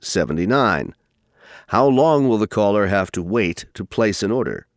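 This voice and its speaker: A male test narrator with a lowish voice and lively intonation. He reads exam instructions formally and deliberately in a very dry recording. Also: no room sound.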